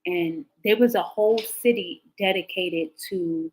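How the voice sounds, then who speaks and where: A woman hosting a live tarot stream, chatting casually to her viewers as a rambling storyteller whose pitch jumps up when she gets excited. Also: unhurried, rough recording.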